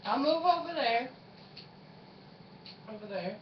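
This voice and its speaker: A woman's voice: high voice, animated, slow pace. A woman co-hosting a casual challenge vlog, bantering in a playful, teasing, informal way. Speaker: co-host of a challenge video. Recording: roomy, distant, muffled with clear noise.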